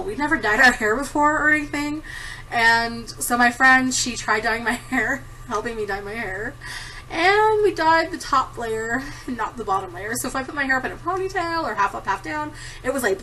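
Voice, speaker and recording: This is a woman in her thirties doing a tag video from a room at home, speaking into her desktop's camera mic in a loose, giggly way, full of ums and tangents. She pitches on the high side, expressive and sharp-toned, at a normal speed. Recorded far from the mic, the poor-quality audio has a little hiss or hum.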